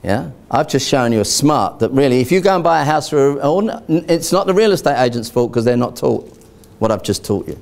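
A man presenting a live seminar, animated and rhetorical, constantly checking in with his audience. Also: mid-range voice, brisk, vocal fry. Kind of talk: live property investment seminar.

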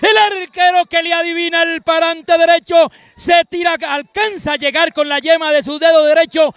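High-pitched Colombian man, breakneck goal commentary. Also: monotone, moderate pace, no echo. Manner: breakneck goal calls with long repeated shouts. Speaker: football commentator. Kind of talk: live football commentary. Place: outdoors at a village football pitch.

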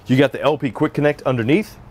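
Fast-talking and fairly even in intonation, a man in his forties with a medium-pitched, darkish, breathy voice reviews an RV on an outdoor sales lot. He speaks into a lapel mic in a casual, upbeat salesman's patter as he walks around it.

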